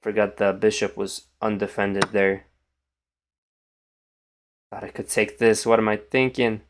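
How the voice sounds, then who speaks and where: A man's voice: on the low side, little pitch movement, measured pace, slight background noise. A tired young man with a morning voice, thinking aloud as he streams chess and trails off into mumbles. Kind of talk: casual live-stream commentary.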